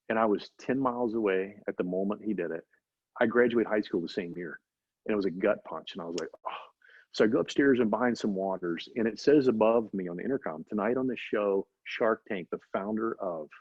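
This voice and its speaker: A middle-aged man, an interview guest, telling animated faith-driven stories and often asking "right?". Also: lowish voice, slightly rough, no echo. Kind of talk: casual storytelling interview. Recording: dry, slightly dull recording.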